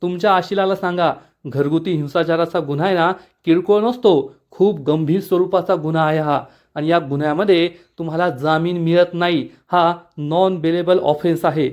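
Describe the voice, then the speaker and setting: Stern young hero, righteous and threatening, read by a high-voiced man, lo-fi. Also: steady tone, moderate pace, natural voice. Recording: dull lo-fi recording.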